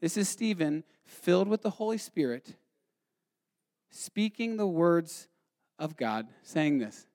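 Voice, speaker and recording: A man preaching a sermon, telling the story with animated energy and acting out the voices, swinging from loud to hushed. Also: on the high side, takes it slowly. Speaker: pastor.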